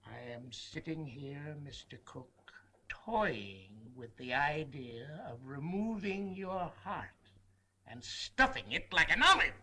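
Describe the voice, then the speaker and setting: Piercing, irascible screwball newspaper editor. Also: male voice, a little high, expressive, slow, pushed and bright, exaggerated voice. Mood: seething menace. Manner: florid, blustering insults. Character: irascible, melodramatic newspaper editor boss, male. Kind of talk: 1930s screwball comedy film banter.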